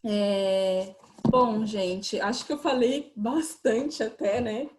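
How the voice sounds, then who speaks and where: A woman's voice: medium pitch, steady tone, slow, darkish tone. A woman giving an online lecture over a video call, explaining with many rhetorical questions.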